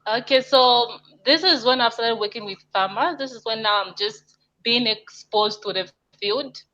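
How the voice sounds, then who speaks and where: A woman from Zambia speaks as a guest on an online panel, explaining her work earnestly. Her voice is bright and a little high. It comes through dull video call audio. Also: moderate pace. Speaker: agriculturalist guest.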